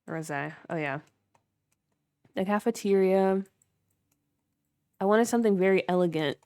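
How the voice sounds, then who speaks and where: A woman's voice: medium pitch, moderate pace, warm tone, clear, resonant tone, dry recording, studio quality. A young woman livestreaming, giving a chatty, filler-heavy tour of her game build and chatting with viewers. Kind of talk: casual livestream commentary while building in a game.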